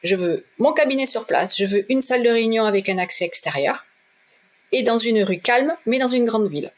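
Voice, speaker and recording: A middle-aged woman from southwest France, a shop owner, telling her own story in a direct, lively way and acting out the dialogue. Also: fairly high pitch, fairly quick. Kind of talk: animated personal storytelling.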